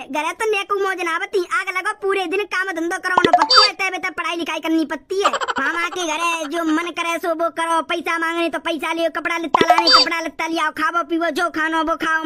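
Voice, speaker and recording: Greedy, whiny young village son, played by a woman; high voice, heavy noise. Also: steady tone, normal speed, hardly any pauses. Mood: demanding. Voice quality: whiny, demanding. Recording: loud background noise.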